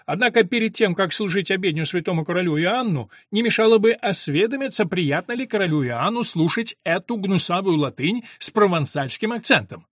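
A man's voice: sits high, animated, brisk, few pauses, fairly bright tone, dry recording, studio quality, voice pushed up. A man reading an audiobook voices a sardonic young student making mocking remarks. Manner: wry mocking.

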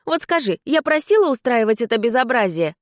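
A woman doing a sharp-tongued young vampire girl. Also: fairly high pitch, big pitch swings, brisk, dry recording, clean studio sound, voice pushed up. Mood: scolding. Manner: sharp, scolding, indignant. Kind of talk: audiobook character reading.

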